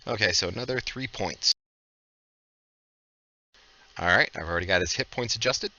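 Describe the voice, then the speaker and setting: A man's voice: fairly low pitch, moderate pace, sharp tone, no room sound, muffled recording. A man running a tabletop game as game master, narrating and ruling on the players' actions.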